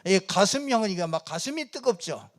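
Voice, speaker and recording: High-voiced chatty male preacher. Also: brisk. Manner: chatty and animated, many fillers, chuckles often. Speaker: pastor. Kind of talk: conversational sermon. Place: church pulpit.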